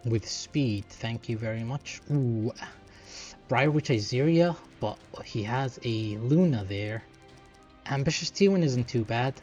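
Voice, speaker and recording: Male streamer, casual play-by-play, very animated pitch, thinks aloud over game music, slightly dull audio. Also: unhurried. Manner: thinking aloud, muttering asides. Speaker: gaming streamer. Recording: dull lo-fi sound, music behind.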